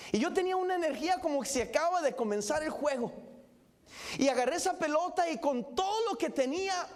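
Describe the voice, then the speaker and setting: Pastor, man, very high voice, animated dramatic sermon storytelling. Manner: animated, dramatic retelling with exclamations. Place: church sanctuary.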